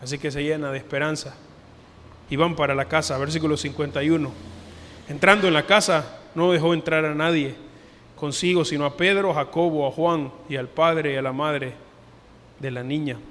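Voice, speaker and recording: A man preaching a sermon as pastor, earnest, lifting his voice for emphasis and dropping it softly for quoted words. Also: fairly high pitch, steady tone, normal speed, a little hiss or hum. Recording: long hall reverb.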